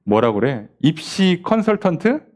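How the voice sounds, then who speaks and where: Animated pastor teaching a Bible study. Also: male voice, a little high, moderate pace. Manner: conversational preaching with rhetorical questions and acted-out quotes.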